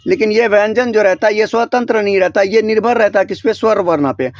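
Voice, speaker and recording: A man's voice: sits high, brisk, dry recording, dull audio. A man teaching a grammar lesson, asking questions and answering them himself, with frequent restarts and self-corrections. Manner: repetitive question-and-answer drilling. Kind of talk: classroom-style grammar lesson. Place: small room beside a board.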